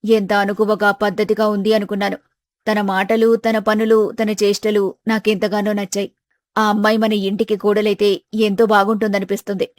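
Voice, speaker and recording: A woman playing a determined middle-aged mother in a storybook tale, in her own mid-pitched voice. She is insistent and scolding, and the recording is dry and close. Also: level tone, normal speed, no room sound, natural voice. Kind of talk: storybook voice acting.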